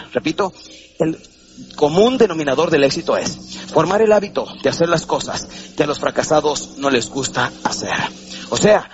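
The recording is muffled, carrying a fairly high male voice. It belongs to a Mexican motivational speaker at a live seminar in a hall, who theatrically acts out little voices and questions his audience with animated flair.

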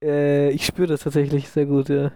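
A man co-hosting a casual podcast, with a fairly high voice. The sound is dry and close, and he pokes fun at himself as he chats. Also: monotone, normal speed, mellow, no echo. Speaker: podcast co-host. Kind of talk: casual chat.

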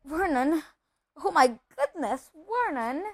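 A woman's voice: extremely high pitch, level tone, slow pace, no room sound, pitched above the performer's own voice. A woman voicing an anxious, easily shocked middle-aged aunt in a quivering, fretful voice, in a storybook reading. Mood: horrified.

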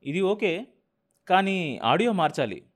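A man's voice: high voice, big pitch swings, unhurried, voice pushed up, full character voice. A man voicing a brash, scheming male TV channel boss who talks down to his staff in a mocking, domineering way.

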